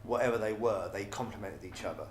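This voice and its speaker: A middle-aged pantomime dame performer talks about stage work in a casual interview, often repeating and restarting phrases. His voice is fairly low and quick, recorded in an echoey room with faint background noise.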